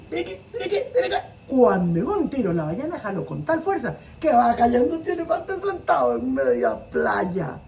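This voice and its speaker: Animated Costa Rican woman storyteller. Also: high-pitched. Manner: animated, playful. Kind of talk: oral folk-tale telling. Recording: distant mic with faint noise.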